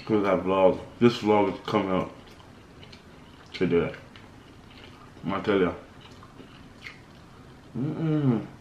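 A man's voice: sits low, slow pace, long pauses, reverberant, a little hiss or hum. A man from the Caribbean, a vlogger and DJ, chatting casually and rambling between bites, talking while eating. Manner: relaxed, rambling, with food murmurs. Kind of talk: casual mukbang vlog chat.

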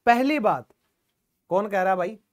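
A man's voice: high voice, lively intonation, unhurried. A man teaching English in an online classroom lesson. He asks the class questions, answers them himself, and repeats the key words. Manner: calls the viewers "friends" often and repeats key words.

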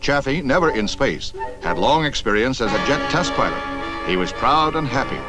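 A man's voice: mid-range voice, expressive, moderate pace. A man narrating an old newsreel as a formal, solemn studio announcer. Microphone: studio voice-over. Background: loud music.

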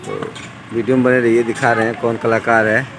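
A man's voice: medium pitch, flat delivery, fairly quick. A young man narrating a casual walking vlog outdoors on a foggy morning, chatty and always pointing out what viewers can see, filmed on a handheld phone. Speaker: vlogger. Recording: clear street noise and passing vehicles.

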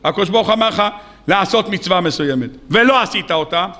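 High, bright-voiced rabbi giving a sermon. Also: male voice. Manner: animated storytelling with rhetorical questions.

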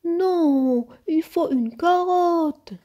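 A woman's voice: a little high, lively intonation, takes it slowly, mellow. A woman voicing a fussy, grumpy little boy who grumbles and insists in a storybook.

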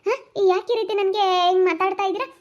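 A woman's voice: very high-pitched, lively intonation, fairly quick. A woman voicing a defiant young village woman in love, with a rural Chitradurga Kannada accent. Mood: pleading. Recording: muffled lo-fi recording.

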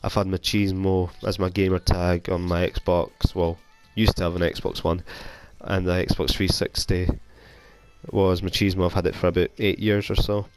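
A young Scot with a cold gives casual gameplay commentary as a gaming YouTuber, rambling and making fun of himself as he plays. His voice sits low with a flat delivery at normal speed, sounding clear and resonant through a console headset mic.

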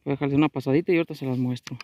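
This man races through his words in a steady, darkish, medium-pitched voice, captured on a dry recording. He's outdoors in a rural field, chatting casually about his metal detecting trip, addressing viewers as companions and leaning heavily on fillers.

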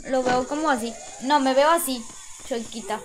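A woman live-streaming a game, excitable and affectionate with her chat, often shrieking. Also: sits high, normal speed, noisy background. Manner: affectionate, calls chat love and baby. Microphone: desk mic with webcam. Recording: loud game music behind voice.

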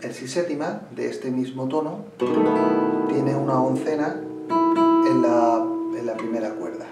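A man teaching flamenco guitar, explaining slowly and pausing as he plays, sometimes restarting a phrase. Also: medium pitch. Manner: unhurried, pauses while playing, restarts phrases. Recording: roomy room, mic at a distance. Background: guitar playing.

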